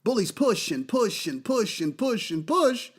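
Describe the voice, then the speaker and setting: A man with a high voice gives an impassioned monologue as a podcast host. His pitch swings widely as he hammers his points home. He swears freely and repeats phrases for force. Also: big pitch swings, unhurried, breathy edge. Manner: emphatic, profane, repeats key phrases for force.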